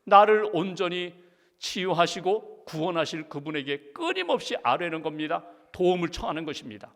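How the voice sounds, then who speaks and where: A middle-aged man preaches to his congregation, his high voice carried by long church reverb. He speaks with earnest conviction and slips into pleading prayer. It sounds like a large sanctuary. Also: very animated, moderate pace, fairly bright tone. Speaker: pastor. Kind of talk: sermon.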